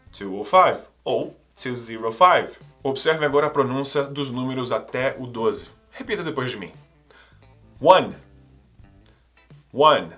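A man teaches an English lesson with energetic, emphatic drilling and lots of repetition. His voice is bright and forceful, with faint music underneath. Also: mid-range voice. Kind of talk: language lesson.

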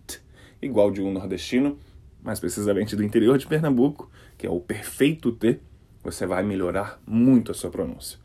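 Gravelly-voiced man from Brasília teaching. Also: mid-range voice. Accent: Brasília Portuguese. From Brasília, Brazil. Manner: energetic, demonstrative, exaggerates sounds. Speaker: English teacher. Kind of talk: podcast pronunciation lesson.

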